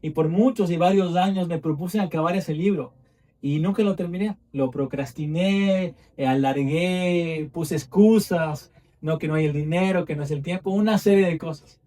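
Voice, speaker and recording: A young man in his 20s from Ecuador preaches a sermon with fervor, building phrases through repetition and rising emphasis at a moderate pace. His voice sits fairly high yet has a dark, mellow tone, heard from a distance through a church mic.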